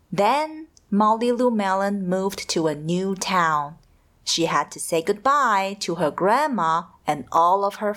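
A woman reading a picture book aloud to children in a gentle, expressive storytelling manner. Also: medium pitch.

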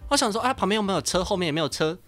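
A young man in his twenties with a Taiwanese Mandarin accent, hosting a casual podcast and telling a story in a loud, animated, ranting way. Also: high voice, racing, faint music behind. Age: 20s. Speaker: podcast host.

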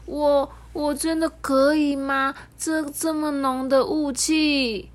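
Brief: a mother reading aloud as a shy little train engine, stammering, high and slow. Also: flat delivery. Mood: frightened. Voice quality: stammering, hesitant.

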